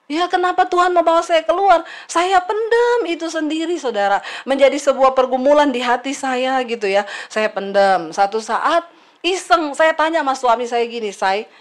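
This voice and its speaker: A middle-aged woman pastor preaches with a fairly high voice. She is lively and teasing, speaks straight to the congregation, and moves easily between scripture and personal stories. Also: normal speed. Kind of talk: sermon.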